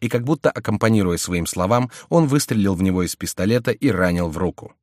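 A man narrating a historical novel as an audiobook in a measured, steady reading. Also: on the low side, no echo, studio quality.

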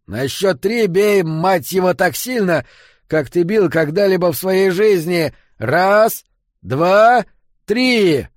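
Gruff, foul-mouthed leader barking loud, raised-pitch orders, as a male narrator puts him on; audiobook character voice, dry close sound. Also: expressive, takes it slowly, no echo. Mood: shouting orders. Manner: shouting, swearing, counting out orders. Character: gruff commanding man, foul-mouthed and forceful.

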